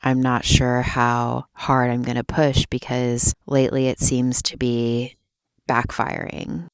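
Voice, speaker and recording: A young woman talking quietly in a personal vlog, keeping her voice down at night as if someone is asleep nearby. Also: a bass voice, little pitch movement, takes it slowly, smooth, dry recording. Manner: quiet, hushed night-time talk so as not to wake a sleeper. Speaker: vlogger. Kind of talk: personal vlog talk to camera. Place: closet, small indoor space.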